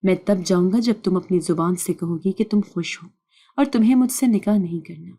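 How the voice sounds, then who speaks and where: Give me a persistent young man who pleads earnestly, read by a woman telling a story. His voice is dark and even. He presses his case again and again. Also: on the low side. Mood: insistent. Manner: earnest, insistent.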